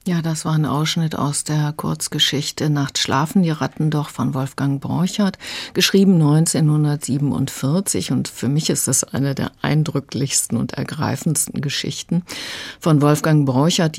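Measured female radio critic. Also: deep voice, fairly even intonation, a little mellow. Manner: measured, considered. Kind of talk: radio review discussion.

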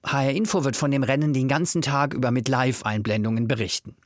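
A man's voice: medium pitch, fairly even intonation, quick pace. A male radio host interviewing an athlete in a conversational way, recapping the answers.

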